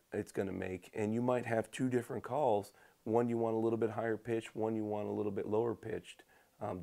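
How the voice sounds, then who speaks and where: Low-pitched, gravelly man. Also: mellow. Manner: informal, conversational, practical advice-giving. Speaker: hunting pro staff instructor. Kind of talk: casual instructional talk.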